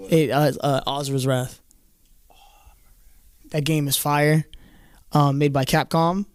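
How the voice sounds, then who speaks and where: An excitable young man in a casual podcast chat, talking eagerly. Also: on the high side, slow pace, clear, resonant tone. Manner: excitable, enthusiastic about games. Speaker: podcast co-host.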